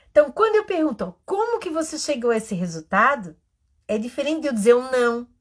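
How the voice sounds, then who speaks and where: A middle-aged Brazilian woman, an educator and therapist, giving a live online lecture, teaching with rhetorical questions and emphatic pauses. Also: fairly high pitch, a bit bright. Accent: Brazilian Portuguese.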